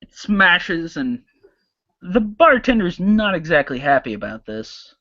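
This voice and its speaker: A game master narrating a casual tabletop game, lively and halting, with many restarts. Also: mid-range voice, dull audio.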